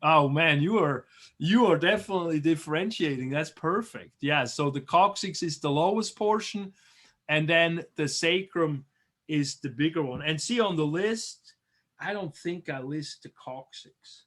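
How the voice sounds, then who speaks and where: A man from Switzerland teaching a biology review class over a video call, chatty and encouraging, slowly repeating terms. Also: on the high side, fairly bright tone.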